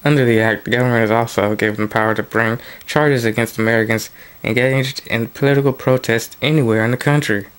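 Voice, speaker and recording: A man reading news articles aloud and adding casual, offhand commentary of his own. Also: fairly low pitch. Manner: plain reading broken by offhand asides and restarts. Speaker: political commentary vlogger.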